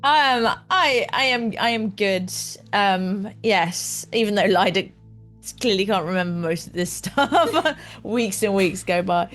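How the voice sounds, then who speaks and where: Hesitant, slow-talking woman. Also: mid-range voice, animated, a bit bright, faint music behind. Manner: hesitant, rambling, giggly. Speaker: tabletop game player. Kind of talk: casual chat.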